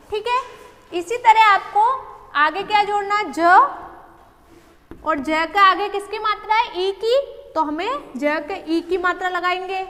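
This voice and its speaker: A woman's voice: very high-pitched, pushed and bright, big-room sound. A woman teacher giving a patient online lesson to young children, asking questions and answering them herself.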